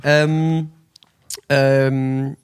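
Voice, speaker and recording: A man's voice: medium pitch, level tone, extremely slow, clean tone, no echo. Rambling young man, dry close voice. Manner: rambling storyteller, many fillers and restarts, laughs often. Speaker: podcast co-host. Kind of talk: casual chat.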